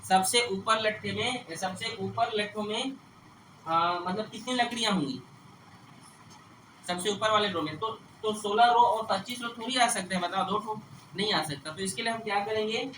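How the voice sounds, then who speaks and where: A man's voice: sits high, normal speed, sharp tone. A male teacher giving a classroom math lesson, often scolding students and checking whether they understand. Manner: checks understanding with repeated questions. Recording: echoey classroom from far off, traffic noise.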